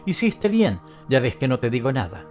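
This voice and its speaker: A mild, long-suffering husband answers in quiet, restrained tones, read by the male narrator. His delivery is apologetic and even, with faint music under the audiobook. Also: medium pitch, normal speed, natural voice. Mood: meek. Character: meek, calm, mild-mannered husband. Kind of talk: audiobook character reading.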